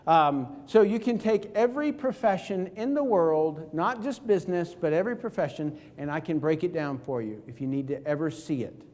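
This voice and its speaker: A man giving an energetic, jokey seminar talk on network marketing, acting out phone calls with friends. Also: on the high side, moderate pace, hardly any pauses, slight background noise. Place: conference hall. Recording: reverberant hall.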